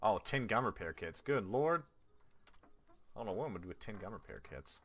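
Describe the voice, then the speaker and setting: A man's voice: deep voice, expressive, racing, a bit bright. A man streaming a game, chatting casually and joking, laughing often as he plays. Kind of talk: casual gameplay commentary.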